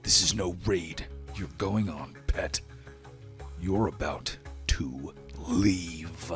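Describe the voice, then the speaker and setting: A man voicing a stern, gruff barbarian father who rants with bitter emphasis, loud and rough. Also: low-pitched, drawn-out words, soft background music. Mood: angry.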